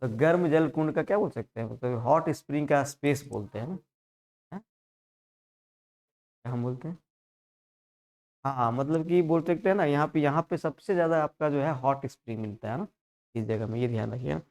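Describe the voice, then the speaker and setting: A man's voice: a little high, a little fast, pauses often, darkish tone. A male teacher giving a live exam-prep class, repeating terms and coaxing students with constant checks. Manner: repetitive, coaxing, peppers lines with "hai na".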